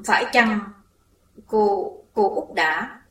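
A woman's voice: medium pitch, slow pace, fairly bright tone. A woman voicing a timid servant woman who is frightened and stammering, recorded in a roomy space away from the mic. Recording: roomy echo, distant mic.

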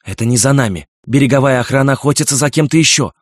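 A watchful young man, tense and a touch raised in pitch, as a male narrator voices him. His warnings are clipped and urgent, set close and dry with no room around them. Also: fast talker, no echo, close to an everyday voice. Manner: tense, low-spoken warnings.

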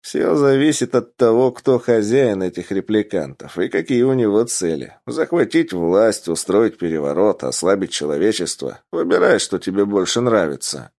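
A man voicing a shrewd, calm male fighter in an audiobook, reasoning things out in a measured way. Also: lowish voice. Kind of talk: audiobook character voice.

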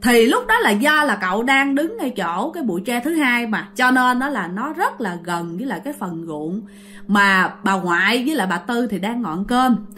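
A woman's voice: a little high, lively intonation, moderate pace, bright, forceful tone, soft background music. A woman with a Southern Vietnamese accent telling a ghost story in a chatty way, often turning to her listeners. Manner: conversational, addresses listeners directly.

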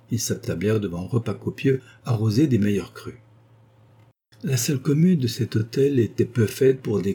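A man narrating an audiobook novel in a measured storytelling manner. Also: low voice, dark tone, breathy edge.

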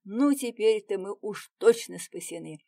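A woman voicing an excitable young male soldier with bold, eager delivery in a storybook reading. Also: mid-range voice, a little slow. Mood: excited.

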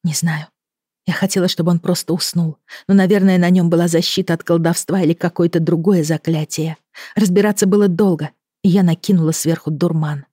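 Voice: mid-range voice, steady tone, a little fast, warm tone, breathy edge, no echo, studio quality, voice pushed up, close to an everyday voice. A reader voicing an anxious, fiery young sorceress girl in an audiobook, with urgent, pleading questions. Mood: troubled. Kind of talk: audiobook character voice.

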